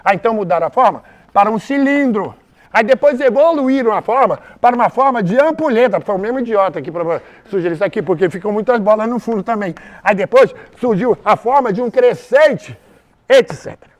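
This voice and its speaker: A Brazilian man performing a storytelling monologue live on a theater stage, lively and joking directly with the audience. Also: sits high, fairly quick. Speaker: stage actor.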